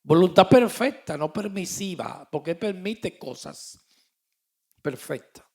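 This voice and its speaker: A man, preaching a sermon as pastor, swinging from quiet asides to loud emphatic declarations. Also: high-pitched, lively intonation, a little slow, vocal fry.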